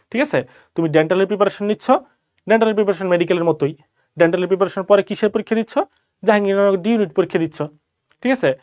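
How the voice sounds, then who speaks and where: Young male medical student mentor from Bangladesh, rapid and conversational, somewhat high-pitched. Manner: conversational, keeps checking in with "okay?". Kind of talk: live session advice talk.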